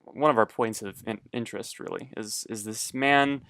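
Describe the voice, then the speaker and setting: A man's voice: medium pitch, moderate pace, fairly bright tone, dry recording. Rambling, profane young man co-hosting. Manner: rambling, profane, hesitant with many fillers. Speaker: podcast co-host. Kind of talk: casual podcast chat.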